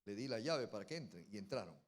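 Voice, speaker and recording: A man, a pastor telling a story in a sermon and building to loud, emphatic preaching. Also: lowish voice, animated, fast talker. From Peru.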